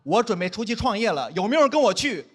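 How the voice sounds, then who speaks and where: A man doing a stand-up comedy set on a stage, telling self-mocking stories and acting out the dialogue in an animated way. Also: sits high, quick pace, very noisy. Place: comedy stage before a laughing live audience.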